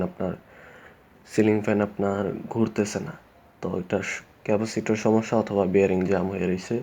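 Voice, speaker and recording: A man's voice: on the low side, darkish tone. A man, explaining electrical work in a plain, repetitive way with many fillers. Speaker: electrician instructor. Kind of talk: casual spoken tutorial. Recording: dull lo-fi audio with faint noise.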